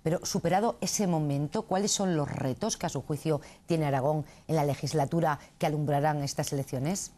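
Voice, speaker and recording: A woman hosts a morning television interview, introducing her guest and putting formal, measured questions to him. Her voice is very low for a woman and has a dark, mellow tone. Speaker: interviewer, TV host.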